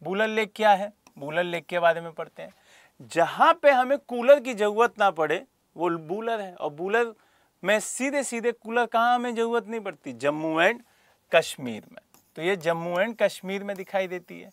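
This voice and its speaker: In an exam-prep geography lecture, a man with a high, slightly bright voice speaks at a normal speed, posing rhetorical questions and naming students to call on them. There's no room sound.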